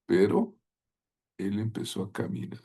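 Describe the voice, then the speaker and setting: A man's voice: lowish voice, big pitch swings, measured pace, warm tone, husky. A man teaching a Bible lesson in sermon style, retelling the stories vividly and often asking his listeners rhetorical questions.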